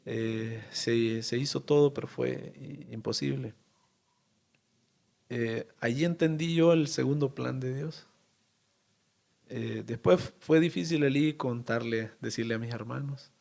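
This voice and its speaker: A man with a Honduran accent, a town mayor telling a personal story in an interview, halting and emotional with many pauses and fillers. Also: medium pitch, creaky, darkish tone. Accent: Honduran Spanish.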